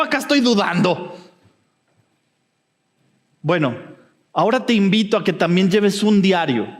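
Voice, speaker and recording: A woman's voice: mid-range voice, darkish tone, in a large hall. A woman with a Mexican accent preaching a sermon earnestly, with light humor and frequent checks with her listeners.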